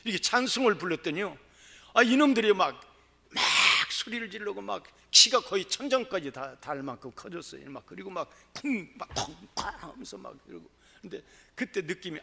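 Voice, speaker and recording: Bright-voiced male preacher telling a story. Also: fairly high pitch, creaky. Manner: animated storytelling, grows loud and excited when recounting. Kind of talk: sermon testimony. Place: church.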